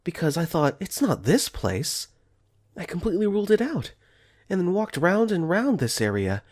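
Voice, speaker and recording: A male voice actor plays an easygoing, wry teenage boy in a visual novel fan dub, narrating his own story and dialogue in first person with a conversational tone and joking asides. His voice is high-pitched, a little mellow and very animated, at a normal speed.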